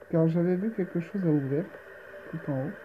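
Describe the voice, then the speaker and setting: A woman with a fairly low voice commentates a game casually, in slangy, grumbling phrases. The recording is dull and muffled, with noticeable noise behind her. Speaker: gamer host presenting horror games.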